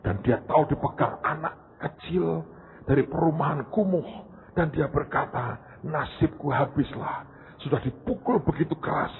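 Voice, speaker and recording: A male pastor tells a sermon story in an animated way, often turning to his listeners. His voice sits in a middle register. The recording is narrow and tinny, like a phone line. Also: mid-range voice, gravelly. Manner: animated, addresses listeners as "saudara".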